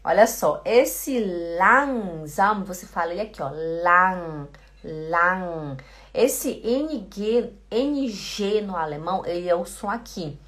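Woman, language teacher, Portuguese native, unhurried, repeats words patiently. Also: fairly low pitch, animated, a bit bright. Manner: slow, repeats words many times. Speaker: German teacher. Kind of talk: pronunciation lesson.

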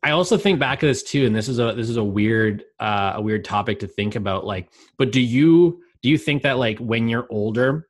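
A man's voice: mid-range voice, expressive, normal speed, hardly any pauses. A man in his late twenties co-hosting a podcast, rambling casually with lots of filler words and easy laughs. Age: late 20s. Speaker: podcast co-host. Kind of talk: casual chat.

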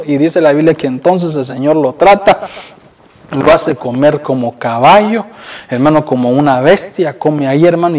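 A man preaching a sermon, constantly calling his listeners brother and acting out the quoted speakers with a rising voice. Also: a little mellow. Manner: addresses listeners as "hermano" constantly; acts out quoted voices with rising pitch and volume.

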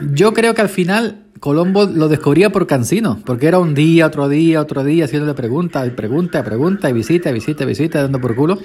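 Middle-aged Spaniard, farm laborer hosting a loose chatty podcast, a touch high in pitch. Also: male voice, darkish tone. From Spain. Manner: chatty, eats while talking. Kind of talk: casual rambling podcast monologue.

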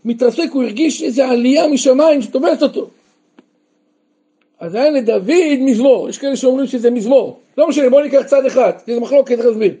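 High-voiced rabbi teaching a Torah class. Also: male voice, warm tone, breathy edge. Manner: asks the listeners questions and answers them himself; breaks into emphatic raised outbursts. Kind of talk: Torah lesson to a live group. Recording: dull lo-fi recording.

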